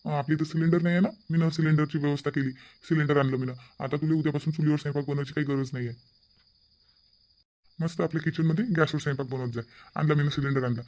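A man voicing a middle-aged father in a cartoon, steady and reasoning. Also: fairly high pitch, close to an everyday voice. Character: calm middle-aged father, firm head of house. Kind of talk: cartoon voice acting.

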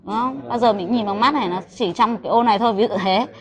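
High-voiced woman teaching Japanese. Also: fast talker, a crowd in the background. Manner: patient, corrective, mixes Vietnamese with Japanese drills. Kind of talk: classroom teaching. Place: classroom.

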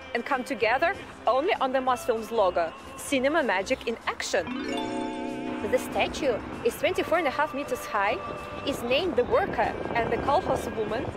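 High-voiced woman narrating a vlog over music. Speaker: vlogger and tour guide.

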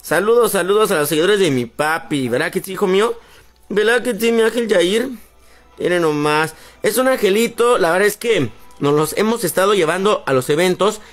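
High-voiced Mexican man on a livestream. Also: animated, moderate pace, soft background music. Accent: Mexican Spanish. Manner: affectionate baby talk mixed with shout-outs. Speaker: livestream host. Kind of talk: casual live-stream greetings.

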